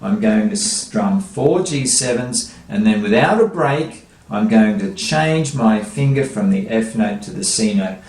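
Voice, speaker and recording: A man's voice: on the low side, lively intonation, unhurried, few pauses, darkish tone. A man teaching a children's guitar lesson, explaining each step patiently. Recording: echoey room, faint guitar music.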